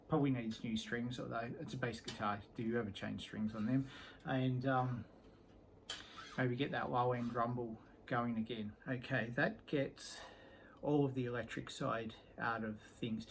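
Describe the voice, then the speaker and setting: A middle-aged man talks through his guitars in a relaxed, meandering way, often pausing on an um and letting sentences trail off. His voice sits in an ordinary middle pitch, and a faint hum of ambient noise lies under the recording. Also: low-quality recording. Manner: rambling and easygoing, with many ums and trailing sentences. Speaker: guitar collector showing his instruments. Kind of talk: casual show-and-tell vlog.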